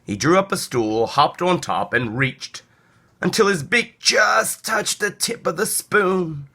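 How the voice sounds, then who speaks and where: A man narrates a children's picture book with a bright, lively voice. He reads slowly and deliberately, with theatrical swings of emphasis for young listeners. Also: high-pitched, slightly rough. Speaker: storybook reader. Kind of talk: expressive children's read-aloud narration.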